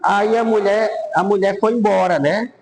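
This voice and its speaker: Man, priest, lively storytelling, highish voice. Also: moderate pace, vocal fry, background noise. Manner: animated anecdotes, voice rising and falling. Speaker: priest teaching a Bible course.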